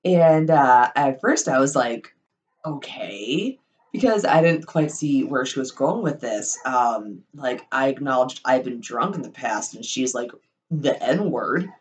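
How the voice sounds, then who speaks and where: A woman's voice: a bass voice, unhurried, hardly any pauses, darkish tone. A young woman in a casual storytelling vlog, rambling with lots of ums and likes, swearing freely and wryly. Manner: rambling, full of ums and likes, profane and wry.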